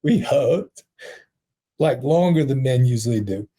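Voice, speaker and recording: A man telling a heartfelt story as a podcast guest, earnest and emotional, with soft laughs. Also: medium pitch, animated, measured pace. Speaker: podcast guest, prison ministry founder.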